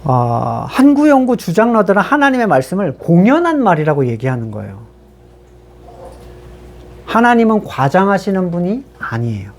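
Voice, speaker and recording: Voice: medium pitch, sing-song, normal speed. A pastor giving a sermon in a conversational way, reading scripture passages aloud and then explaining them with rhetorical questions to the congregation.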